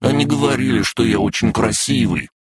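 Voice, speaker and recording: A man voicing a sad, childish little male dragon familiar in an audiobook, whiny and drawn-out. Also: low voice, steady tone, slightly rough, pitched above the performer's own voice. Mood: sulky. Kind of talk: audiobook character voice.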